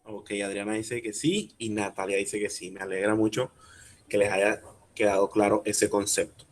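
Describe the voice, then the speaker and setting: A man teaching a workshop over a video call. He patiently explains step by step, asks the audience questions and slowly spells out syllables. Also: on the low side, steady tone, a little hiss or hum. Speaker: workshop speaker teaching rhyme. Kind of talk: online workshop lecture.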